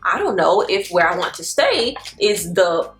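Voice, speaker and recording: With a lowish voice, big pitch swings, a slightly slow pace and a fairly bright tone, this twenty-something Florida vlogger chats playfully to viewers while getting ready. She drawls slang, sings lines now and then, and the echoey room carries faint music.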